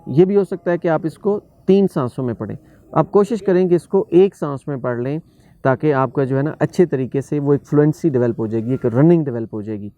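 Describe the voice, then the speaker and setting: A man's voice: fairly high pitch, dark tone. A man from Pakistan, teaching spoken English in a casual lesson that mixes Urdu and English, listing points one by one with many fillers. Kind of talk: online language lesson. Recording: dull, muffled recording.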